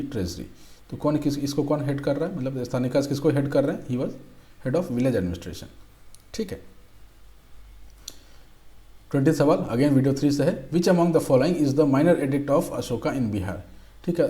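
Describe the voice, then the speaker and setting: A young male exam-prep teacher explains quiz questions like a patient tutor, reading each option aloud. His voice is mellow and warm, in a middle pitch range. He keeps repeating "ठीक है" as he goes.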